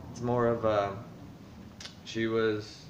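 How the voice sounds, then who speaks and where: Man, low voice, rambling casual vlog, thinking aloud, dull lo-fi home recording. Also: flat delivery, slow pace, roomy sound, a little hiss or hum. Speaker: dungeon master. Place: room at home.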